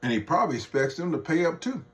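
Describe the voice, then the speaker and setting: A man's voice: on the high side, very animated, fast, fairly bright tone. A man delivering an off-the-cuff political rant to his viewers, heated, mocking and profane, addressing them as folks. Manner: talks straight to viewers as folks. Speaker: political vlogger.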